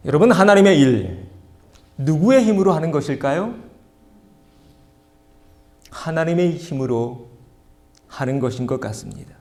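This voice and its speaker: A male pastor preaching a sermon, reading scripture aloud slowly and leading the congregation in call and response. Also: a little high, lively intonation, a little mellow.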